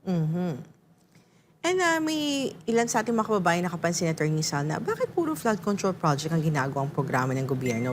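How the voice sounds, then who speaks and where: A woman's voice: lowish voice, a little hiss or hum. Woman asking talk show questions. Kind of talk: broadcast interview questions.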